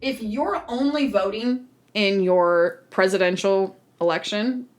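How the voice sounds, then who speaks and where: A woman's voice: mid-range voice, takes it slowly. A woman co-hosting a podcast, ranting heatedly in casual chat and swearing freely. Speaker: podcast co-host.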